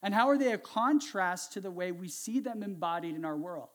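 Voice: mid-range voice, animated, fairly quick. A pastor giving a casual, conversational sermon, asking the congregation questions and adding sarcastic, self-mocking asides.

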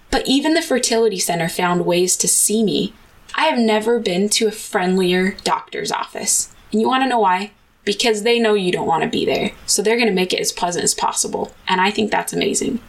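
A woman's voice: mid-range voice, rough recording. A woman podcast host telling her own personal story in an earnest, confessional monologue.

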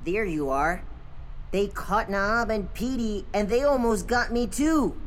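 A woman voicing a young, puzzled talking bird in a children's story, casual and expressive. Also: medium pitch, measured pace, natural voice. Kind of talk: children's audio story character voice. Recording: clear background noise.

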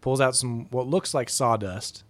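A man's voice: mid-range voice, measured pace, no echo. A man in casual podcast chat about a film, joking and riffing on the plot. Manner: joking, riffs on the story with mock voices. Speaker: podcast co-host.

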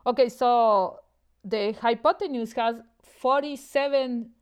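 A woman from Argentina, a math professor, explaining a problem as a podcast guest, halting with fillers. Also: on the high side, clear, resonant tone. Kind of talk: podcast interview.

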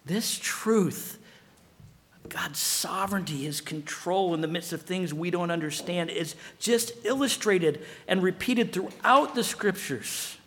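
A man preaching a sermon as pastor in an animated way, acting out dialogue. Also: sits high, slow pace, long reverb tail.

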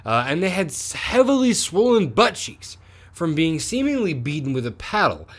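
A man's voice: on the high side, sing-song, normal speed. A man co-hosting a podcast in casual comedic chat, rambling and profane, often correcting himself. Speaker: podcast co-host.

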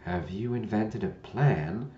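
A man's voice: on the low side, expressive, slow, dark tone, a little hiss or hum. A man voicing a polite, curious young girl who speaks mildly. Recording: dull lo-fi roomy recording.

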